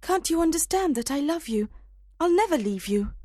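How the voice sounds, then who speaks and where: A man's voice: very high-pitched, expressive, normal speed, darkish tone, no echo, studio quality, pitched above the performer's own voice. A man reading a storybook aloud, voicing a lovesick young woman who pleads insistently. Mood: pleading. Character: young woman desperately in love.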